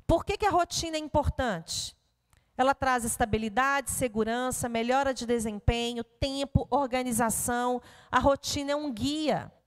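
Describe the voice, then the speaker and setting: A woman pedagogue giving a parenting talk in a church hall. Her voice sits high. She speaks in a lively way, turning to her listeners as she tells stories from home. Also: normal speed, clear, resonant tone. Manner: animated storytelling to an audience. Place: church hall before an audience.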